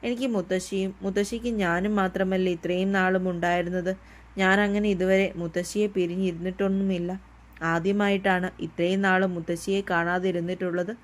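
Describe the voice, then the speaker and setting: A woman's voice: lowish voice, level tone, a little fast, lightly acted. A woman voicing a shy, tender young woman in a storybook romance, speaking with pleading hesitance.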